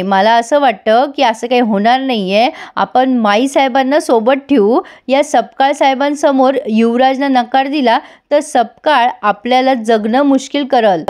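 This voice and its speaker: A woman narrating a TV serial recap to her viewers, retelling each character's lines herself in a lively storytelling way. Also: a little high. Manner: retells dialogue in character, addresses viewers directly.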